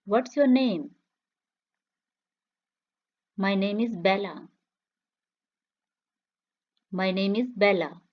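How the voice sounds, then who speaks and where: An English teacher with a medium-pitched voice reads practice phrases slowly for learners, saying each line twice in a clear, measured way. The recording is muffled.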